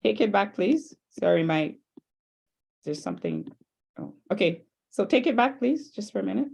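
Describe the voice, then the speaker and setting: A woman's voice: mid-range voice, normal speed, creaky, breathy edge. Woman from Trinidad and Tobago, chatty, upbeat, hosting an online call. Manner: chatty, upbeat, lively asides. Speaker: host.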